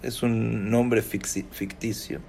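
Slow, dramatic male religious teacher. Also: on the low side, level tone, gravelly, a little mellow, slight background noise. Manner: dramatic, emphatic. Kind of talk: storytelling religious class.

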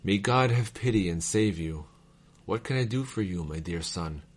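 Reading letters aloud, this devotional reader has a husky, fairly low voice. His pacing is steady and formal, carrying a devotional rhythm throughout.

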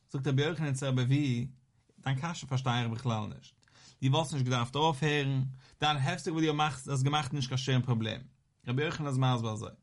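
Man teaching Talmud in a study chant. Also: a little high. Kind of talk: Talmud lesson.

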